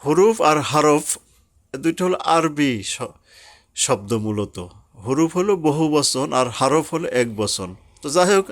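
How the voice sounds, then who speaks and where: A man teaching Quran recitation rules patiently, drawing out the example words slowly. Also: on the high side. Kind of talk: slow explanatory tajweed lesson.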